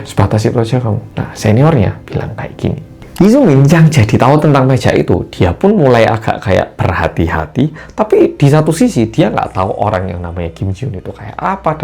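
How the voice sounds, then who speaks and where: Man telling a spooky tale, gravelly. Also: mid-range voice. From Korea. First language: Korean. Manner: lively, dramatic pauses and rising stresses. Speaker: channel host. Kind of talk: spooky storytelling.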